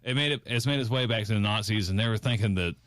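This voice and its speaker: A man's voice: lowish voice, fast talker, fairly bright tone. A man co-hosting a podcast, telling stories crudely with heavy swearing. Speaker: podcast co-host. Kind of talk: casual profane chat.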